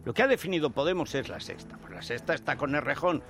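A man's voice: on the high side, big pitch swings, fast, a bit bright, faint music behind. A man with a Spain Spanish accent delivering a combative, sarcastic opinion monologue as a political commentator.

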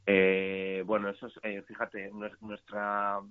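On a thin, tinny phone line to a radio program, a man with a deep voice talks about the startup event he's running. He speaks slowly and completely flat, stumbling through fillers and restarts, yet his tone is clear and resonant.

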